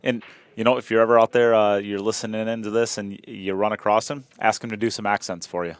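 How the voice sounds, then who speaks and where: A man's voice: fairly low pitch, flat delivery, quick pace, clean tone. A man commentating a pool match in a chatty, joking way, often repeating himself. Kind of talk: live sports commentary.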